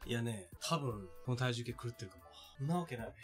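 Lively excitable male streamer. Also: medium pitch, brisk, soft background music. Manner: excitable, exclaiming in surprise, rough casual speech. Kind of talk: casual product unboxing on stream.

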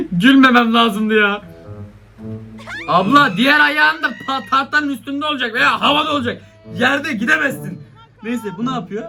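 A man's voice: extremely high pitch, unhurried, vocal fry, pauses often, sharp tone, soft background music. A young man giving casual, slangy commentary on funny video clips, often laughing and exclaiming. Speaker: YouTuber reacting to funny clips.

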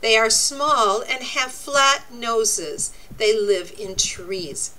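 Reading a children's nonfiction book, a woman with a slightly high voice speaks in a deliberate, expressive, teacher-like way, adding explanatory asides. The recording is rough.

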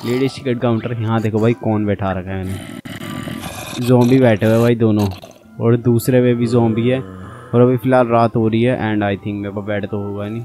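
A man's voice: lowish voice, fairly even intonation, normal speed, dark tone. A young man giving casual, chatty commentary on his own gameplay and talking straight to his viewers. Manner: chatty, addresses viewers as brother. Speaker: gaming channel host.

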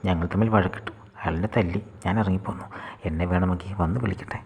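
A man voicing a hurt, tearful young married aunt in a hushed, often whispered storybook reading. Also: deep voice, fairly even intonation, fast talker, vocal fry, slight background noise.

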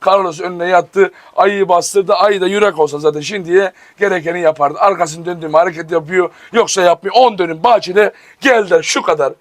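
Fast-talking, exasperated dog-farm vlogger man. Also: high-pitched, no room sound. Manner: animated, scolding dogs and venting to viewers. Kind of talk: casual vlog narration.

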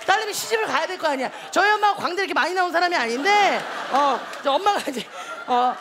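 With an extremely high pitch, lively intonation, and a quick pace, a male comedian plays a chatty young woman who teaches online lectures in a TV sketch. Loud and bragging, he teases the live audience amid crowd noise and studio laughter.

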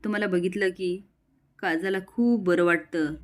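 A woman voicing a sly, flattering male police inspector in a story recap, talking smoothly. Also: on the low side, normal speed, natural voice.

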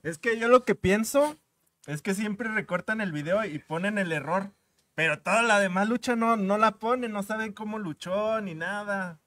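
A man with a Mexican accent hosts a casual chat at a studio microphone. He cracks slangy jokes and needles his guests. His voice sits a little high, and the sound is dry. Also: normal speed, fairly bright tone, dry recording. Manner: joking, slangy banter. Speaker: podcast host. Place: indoor studio set.

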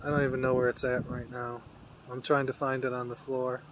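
A man vlogging outdoors as he feeds a wild squirrel, talking earnestly and affectionately, sometimes coaxing in a high pet voice. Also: little pitch movement, a little fast, slight background noise, rough recording. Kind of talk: casual vlog narration. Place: outdoors near his home.

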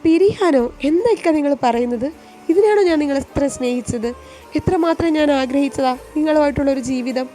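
A woman playing a heartbroken young woman, emotional and pleading, high voice. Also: expressive, a little fast, warm tone, faint music behind. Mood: anguished. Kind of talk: storytelling voice acting.

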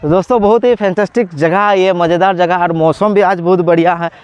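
Recorded selfie-style on a phone held at arm's length, this clip has dull audio, yet the man's high voice comes through clear and resonant. He's in his forties, fighting a cold, and excitedly chatting away at an outdoor water park, laughing a lot and pausing often with fillers.

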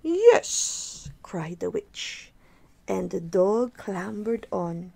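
A woman reading a rhyming picture book aloud for children, expressive and sing-song. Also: fairly low pitch, slow, vocal fry, slightly rough. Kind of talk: storybook read-aloud for kids.

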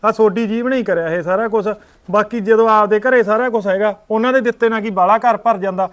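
A man acting as a grown son who argues with his mother, his voice high and his words quick. He takes his sister-in-law's side in a short-film drama. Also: natural voice. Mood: arguing. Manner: arguing, reasoning. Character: adult son defending his sister-in-law.

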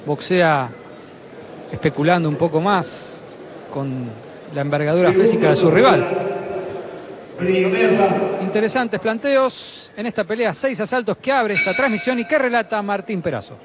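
A man's voice: high-pitched, normal speed, long pauses, a crowd in the background. A man giving conversational live analysis as a boxing commentator. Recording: clear ringside venue noise behind.

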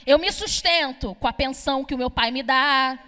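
High-voiced brash woman doing stand-up. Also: moderate pace, long reverb tail. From Brazil. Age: young adult. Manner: brash, chatty, crowd-teasing, swears freely. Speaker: stand-up comedian. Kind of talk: stand-up comedy set. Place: comedy club stage. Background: audience laughter.

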